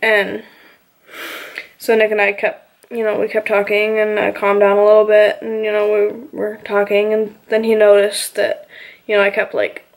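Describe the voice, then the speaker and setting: A woman's voice: medium pitch, completely flat delivery, normal speed, vocal fry. A woman vlogger casually telling a personal story, rambling and filling her talk with "you know" and "like".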